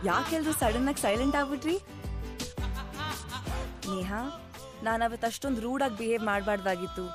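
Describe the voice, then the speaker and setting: A woman's voice: on the high side, a little fast, loud music behind the voice, close to an everyday voice. A woman playing a pleading, anxious young friend. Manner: pleading, repeating a friend's name. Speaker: friend consoling another. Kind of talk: film drama acting. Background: film score.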